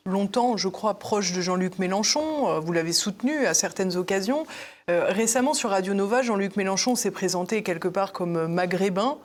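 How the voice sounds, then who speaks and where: A woman interviewing a political guest, asking measured questions with some fillers. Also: medium pitch.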